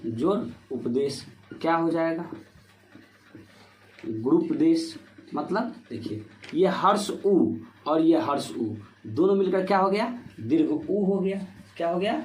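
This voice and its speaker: High-voiced Hindi grammar teacher, echoey room. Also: male voice, darkish tone. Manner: repetitive rhetorical questions, "ठीक है" fillers. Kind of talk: board-exam grammar lesson. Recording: echoey room with faint noise.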